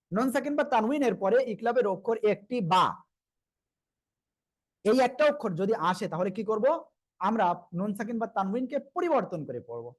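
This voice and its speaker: A fairly high-voiced man with a Bangladeshi Bengali accent leads a live online Quran reading class. He spells out letters slowly and patiently, asking his students to repeat after him. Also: no echo. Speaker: Quran teacher.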